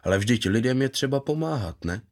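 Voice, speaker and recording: A man voicing a gentle, contented former footballer in his fifties, who talks eagerly and proudly about his past. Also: medium pitch, lively intonation, close to an everyday voice. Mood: earnest. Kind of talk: voiced character in a read story.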